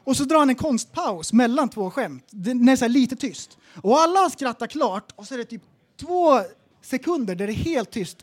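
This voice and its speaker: A man with a very high voice tells comic stories on a casual podcast. He talks in an animated way and acts out the people in his stories. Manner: animated storyteller, acts out quotes. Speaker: podcast co-host. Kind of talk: casual comedic podcast chat.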